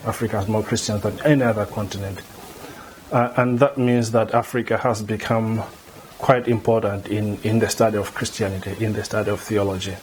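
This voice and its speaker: Man from Malawi, middle-aged, lecturer being interviewed, measured, repeats words, low voice. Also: steady tone, a little mellow, slight background noise. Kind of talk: interview answers, explanatory. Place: indoor room before a banner.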